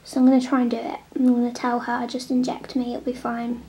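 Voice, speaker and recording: Speaking a little fast and in a monotone, a young vlogger with a snotty cold chats as she draws on a tablet at home, a camera resting on the table. Now and then she sinks into a near-whisper. Her pitch is high but level and mellow, edged with gravelly fry.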